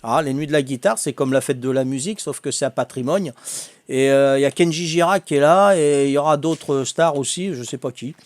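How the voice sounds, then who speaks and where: An older man with a high, light voice tells stories to his stream in a rambling, chatty way, laughing often. His is clear, and the sound is close and dry, with no room echo. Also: brisk. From Corsica. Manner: chatty, laughs often, full of fillers and repeats. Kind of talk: casual anecdote telling.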